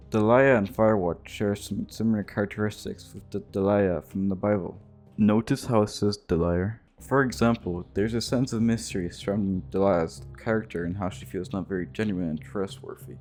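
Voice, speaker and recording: A man with a lowish, darkish voice narrates scripted video game commentary in a casual, offhand, irreverent way. Guitar music plays behind him.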